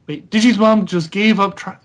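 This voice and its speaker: Male podcast host, light high voice, reads text aloud and breaks off to critique it. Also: steady tone, normal speed. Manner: reads a character bio aloud, stopping to mock and correct it.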